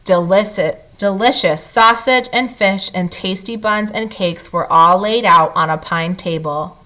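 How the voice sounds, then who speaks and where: A woman tells a children's picture book story aloud, her mid-range voice moving a little slowly. Her delivery is expressive and dramatic, aimed at young listeners, though the audio quality is poor.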